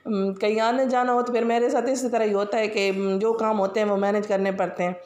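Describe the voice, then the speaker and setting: A Pakistani woman with a Punjabi accent chats about her household routine for her vlog, her throat sore and scratchy. Her medium-pitched, slightly mellow voice stays steady and moves fairly quickly in a reverberant space. She rambles in a chatty way, full of fillers, as a casual daily-routine voice-over.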